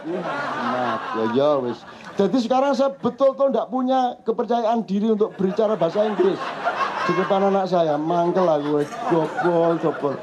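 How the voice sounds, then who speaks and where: Speaking at a public discussion forum, a middle-aged Javanese-accented man entertains a live crowd with humorous, teasing, chatty stories. His high-pitched voice is animated and brisk, set against a noisy background with a crowd audible. The live recording is lo-fi and muffled.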